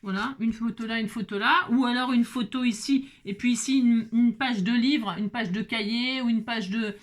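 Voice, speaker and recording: A woman with a high voice talks her viewers through a crafting project in a relaxed, chatty way. She keeps exclaiming and dropping little interjections as she handles her materials. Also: normal speed. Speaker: crafting vlogger. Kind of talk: casual crafting tutorial chat.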